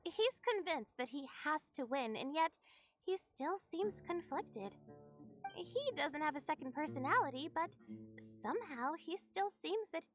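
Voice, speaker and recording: Musing young game heroine. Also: female voice, sits high, animated, measured pace, faint music behind. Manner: musing, reflective.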